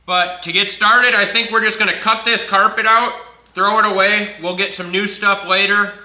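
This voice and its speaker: A man's voice: high-pitched, fairly even intonation, normal speed, bright, forceful tone. A man casually narrating his work on an old truck in his garage, laid-back and plainspoken with casual swearing. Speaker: garage vlogger. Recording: echoey garage with faint noise.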